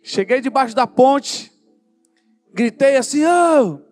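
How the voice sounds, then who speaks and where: A man's voice: very high voice, moderate pace, faint music behind. A man with a Brazilian Portuguese accent preaching his testimony at a church service, telling the story and acting out the dialogue with growing fervor. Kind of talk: sermon testimony.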